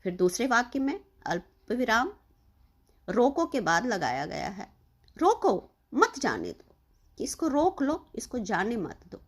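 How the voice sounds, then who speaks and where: A woman's voice: a little high, sing-song, a little slow. A woman teaching a lesson to children, explaining patiently and stressing her example sentences.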